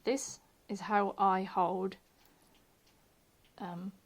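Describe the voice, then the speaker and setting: A woman talks through a beginner crochet lesson in a relaxed, chatty way, at a middling pitch for a woman. She is self-deprecating and slips into soft near-whispers as she concentrates on her hands. She admits to having a slightly posh telephone voice on. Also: very slow. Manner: chatty, self-deprecating, drops to murmurs while working. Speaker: crochet tutorial host. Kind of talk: casual home tutorial.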